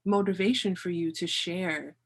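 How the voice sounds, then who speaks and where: A woman with a slightly low-pitched voice hosts an interview. She speaks conversationally and emphatically, stressing points by repeating them. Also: fairly even intonation, normal speed. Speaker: podcast host, interviewer.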